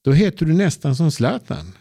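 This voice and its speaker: A man voicing an eager little girl in a storybook, pitching his voice up. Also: sing-song, warm tone, no echo, clean studio sound. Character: lively little red-haired girl.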